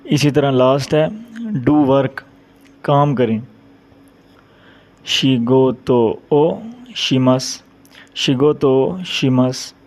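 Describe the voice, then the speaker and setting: A man with a Pakistani Urdu accent, teaching a beginner grammar lesson and repeating each example phrase slowly. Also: medium pitch, a little mellow. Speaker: Japanese teacher. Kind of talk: slow, deliberate grammar lesson.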